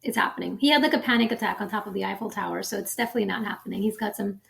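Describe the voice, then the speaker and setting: Gravelly-voiced, eager woman co-host. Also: mid-range voice, very fast, a bit bright. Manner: enthusiastic, gushing. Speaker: podcast co-host. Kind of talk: casual chat.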